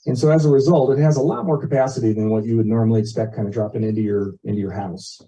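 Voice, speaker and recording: A man with a lowish, warm voice speaks quickly as a resident presenting an internet proposal at a community meeting. His informal explanation is conversational and draws on everyday examples. The meeting audio sounds muffled and dull.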